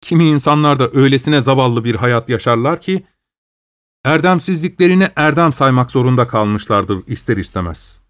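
Brief: male audiobook narrator, measured and steady, mid-pitched voice, dry close-mic sound. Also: no room sound. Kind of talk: audiobook reading of a novel.

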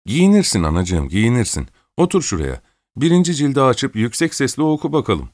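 A man's voice: medium pitch, sing-song, a little fast, darkish tone, dry recording, clean studio sound, voice pushed up. A man voicing an imperious, fussy old countess who scolds and orders people about in an audiobook. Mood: scolding. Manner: scolding, peevish, bossy. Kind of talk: audiobook character voice.

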